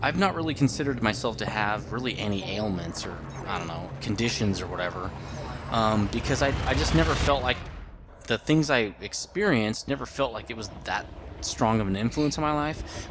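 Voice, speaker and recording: A man's voice: mid-range voice, expressive, moderate pace, background noise. A man in his late thirties giving casual gameplay commentary, rambling and thinking aloud as he plays. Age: late 30s. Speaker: gaming video host.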